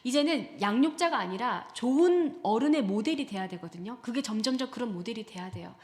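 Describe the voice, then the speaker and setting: A woman's voice: fairly high pitch, fairly quick. A middle-aged woman giving a conversational sermon on talking with teenagers, acting out what parents say. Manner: acts out parent and child quotes in lively voices; conversational, addresses the audience directly. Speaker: church staff speaker. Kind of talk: Wednesday sermon on parenting teens.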